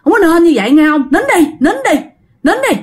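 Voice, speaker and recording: A woman voicing a bossy village woman who scolds and nags in a shrill voice. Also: sing-song, a little fast. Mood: scolding.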